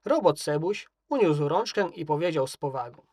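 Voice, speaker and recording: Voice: mid-range voice, lively intonation, normal speed, darkish tone, dry recording. A narrator reading a children's story aloud.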